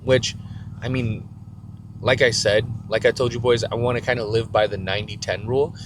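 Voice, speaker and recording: A man's voice: mid-range voice, fairly even intonation, moderate pace. Rambling young man vlogging outdoors. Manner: rambling, fillers, self-described stuttering. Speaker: bodybuilding vlogger. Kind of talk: casual outro talk to camera. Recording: clear outdoor street noise behind.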